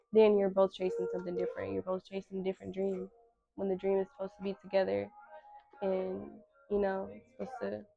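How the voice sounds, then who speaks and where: A woman's voice: mid-range voice, vocal fry, phone-quality sound. A woman in her twenties hosting a casual solo talk, candid and slangy, with emphatic repetition. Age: 20s. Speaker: podcast host.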